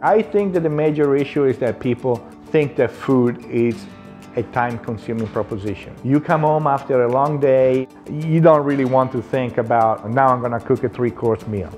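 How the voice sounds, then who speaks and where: A man in his forties, a culinary instructor, talking earnestly in a seated documentary interview and pausing often on "uh". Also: medium pitch, darkish tone, faint music behind. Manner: earnest, with frequent "uh" fillers. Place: indoor lounge, seated.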